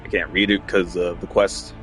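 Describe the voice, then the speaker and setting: Sex: man. Role: streamer. Style: casual play-by-play commentary with blunt, sweary reactions. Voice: on the low side, with faint music underneath. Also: flat delivery, moderate pace, fairly bright tone.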